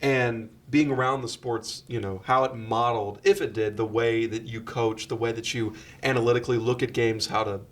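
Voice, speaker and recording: Male sports interviewer, medium pitch, casual and rambling question style. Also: fairly even intonation, moderate pace, hardly any pauses, a bit bright.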